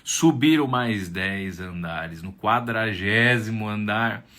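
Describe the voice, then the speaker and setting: A man with a Brazilian Portuguese accent, a camp storyteller telling a tale aloud in an animated way with tag questions. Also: lowish voice, slow. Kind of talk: oral storytelling.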